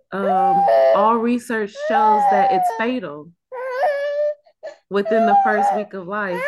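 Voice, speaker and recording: A woman's voice: a little high, very noisy. Woman giving a hesitant church testimony. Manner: hesitant, many fillers, heartfelt.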